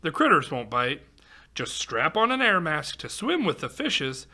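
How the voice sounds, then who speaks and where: Reading a rhyming picture book to kids, a volunteer storyteller uses his fairly high, sharp voice with big pitch swings at a measured pace. His reading is expressive, full of exclamations and chatty side comments.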